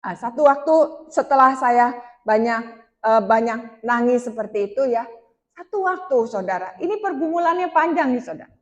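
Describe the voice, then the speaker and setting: A woman's voice: on the high side, expressive, normal speed, big-room sound, muffled recording. A woman preacher telling her personal testimony in a sermon, speaking straight to the congregation with emotional storytelling. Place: church.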